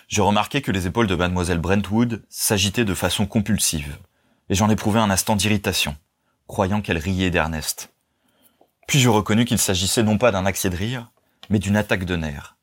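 Low-voiced man narrating a novel. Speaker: audiobook narrator. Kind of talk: scripted narration.

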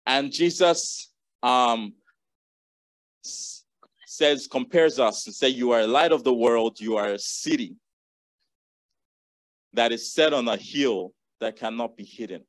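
A man's voice: mid-range voice, takes it slowly, long pauses, no echo. A man preaching a sermon, earnestly reading and repeating scripture verses to the congregation.

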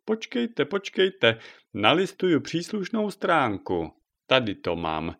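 Older retired man in a storybook, fussy and easily offended, rambling on with a lively, swooping voice, as a narrator puts him on. He talks in an indignant, chatty way. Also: medium pitch, pitched above the performer's own voice. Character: fussy retired old man, touchy and talkative.

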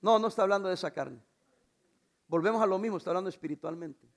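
A man preaching to his congregation with a notably high voice. He is a middle-aged pastor who swings between loud calls and soft asides, throws rhetorical questions at the room and keeps a joking edge. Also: fast, creaky. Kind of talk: sermon.

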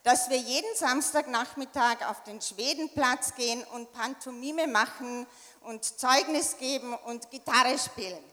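High-voiced Austrian woman in an echoey hall. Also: a little slow, bright, forceful tone. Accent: Austrian German. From Austria, Tyrol. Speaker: church member giving testimony. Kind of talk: sharing a personal story in short phrases for an interpreter. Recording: echoey hall with long reverb.

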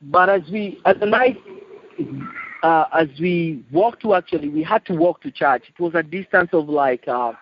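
A man in his late thirties with a Kenyan accent, giving a personal testimony in a halting, earnest way. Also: fairly high pitch, a little hiss or hum. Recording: muffled, echoey lo-fi phone call.

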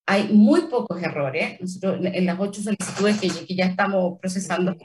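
Speaking at a moderate pace with a lowish, slightly mellow voice, a Chilean-accented woman answers interview questions as a trademark office official. She's careful, using many fillers and restarts, and the mic sits at a distance.

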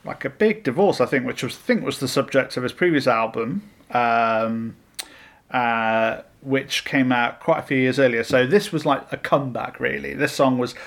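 A man's voice: medium pitch, vocal fry, a bit bright. A man with an East Midlands English accent, co-hosting a casual chat in an understated, matter-of-fact way. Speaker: podcast co-host.

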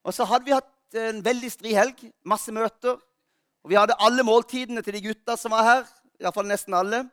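Man, pastor, easter sermon, very high voice, dry close sound, self-mocking humor. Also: steady tone, a bit bright, no echo.

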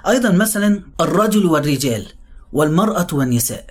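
A man with an Egyptian accent explaining how to read the Quran, talking quickly and then slowly drawing out the example words. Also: on the high side, sing-song. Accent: Egyptian Arabic. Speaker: religious teacher. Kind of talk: explanatory talk on Quran recitation.

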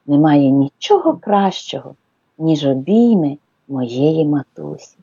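A woman's voice: sits low, expressive, slow, warm tone, breathy edge, no echo, dull audio, voice pushed down, full character voice. A woman voicing a timid little boy bunny in a children's story, eager and wistful.

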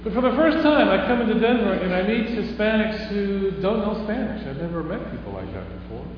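Captured at a distance in an echoey hall, with a dull, humming sound, this clip features a man from Houston, Texas giving a chapel talk to a live audience. He talks conversationally, tells stories, and rises to emphatic questions. His high-pitched voice moves fairly quickly and swings widely in pitch.

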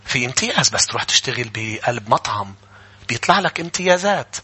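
This pastor's slightly rough, medium-pitched voice swings widely in pitch as he preaches at a quick pace with a Levantine Arabic accent. Before a live congregation in church, he goes from conversational asides to fervent shouting and calls for the congregation's responses.

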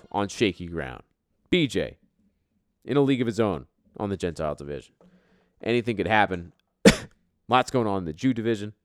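Animated low-voiced man doing a top ten countdown. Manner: profane, bro-style trash talk. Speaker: fantasy football league show host. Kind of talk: informal top ten countdown of power rankings.

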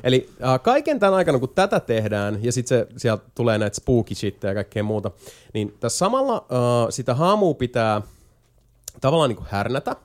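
A man chatting casually as a podcast host, explaining a video game at length with lots of hesitation fillers and a few jokes. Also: medium pitch. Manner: jokey, lively storytelling. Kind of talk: casual chat.

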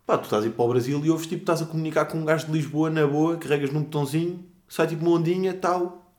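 A young man with a European Portuguese accent, an airline pilot chatting casually on a podcast in an animated, slangy way. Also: on the high side. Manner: slangy, animated, fast-talking. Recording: roomy echo.

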